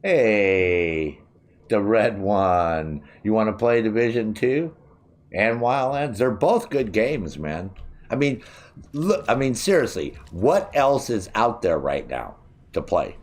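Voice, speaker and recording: Game gunfire runs beneath this man's casual, profane live-stream commentary as he plays a shooter. His voice is fairly low and soothing yet very animated, and he talks slowly.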